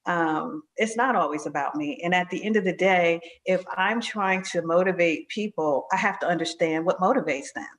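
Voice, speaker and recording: A woman's voice: fairly low pitch, moderate pace, few pauses. A woman who leads a company, talking earnestly and reflectively as an interview guest, with frequent fillers. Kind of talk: casual interview conversation.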